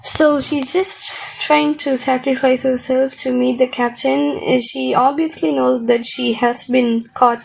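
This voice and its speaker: A young woman casually reacting to a manga chapter, reading panels aloud between excitable, slangy asides. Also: high voice, slow, gravelly, hardly any pauses, low-quality recording.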